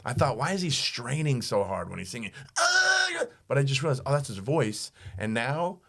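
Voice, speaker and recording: Male comic co-host, forties, very animated intonation, playful and giggly. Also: mid-range voice, fairly quick, vocal fry. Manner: animated, laughs often, breaks into sung snippets. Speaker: podcast co-host and comedian. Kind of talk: casual comedic chat.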